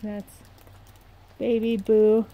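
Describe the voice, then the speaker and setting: A young woman in her twenties, a vlogger and horse trainer, chats casually to her phone camera held at arm's length at a barn and paddock outdoors, speaking fondly to her horses between comments and adding voice-over. Her mid-range voice is monotone with drawn-out words, and the audio sounds dull.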